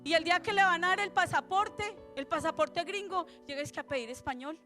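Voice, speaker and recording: A woman pastor preaches to her congregation in a high, bright voice, slipping into playful acted-out voices to make her points. Faint music plays softly behind her in the church sanctuary. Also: brisk. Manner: animated preaching with acted-out quotes and humor. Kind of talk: sermon.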